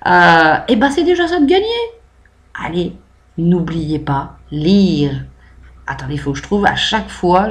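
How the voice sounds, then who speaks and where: A woman's voice: medium pitch, darkish tone. Chatty French woman reviewing a book. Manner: chatty, many "euh" fillers, improvised. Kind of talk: improvised book review to camera.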